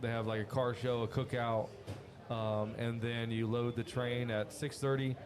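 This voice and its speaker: A man chatting as a podcast guest, telling stories in an animated way and laughing often. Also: mid-range voice, normal speed. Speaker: guest from a cigar company. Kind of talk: casual podcast chat. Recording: crowd chatter in background.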